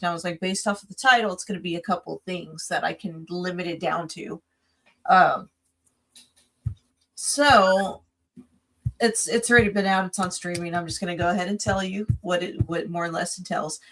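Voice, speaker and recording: A woman of middle pitch co-hosting a podcast late at night. She rambles through a film plot with lots of fillers and restarts, sounding tired and yawning. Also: pushed and bright. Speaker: podcast co-host. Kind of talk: casual chat.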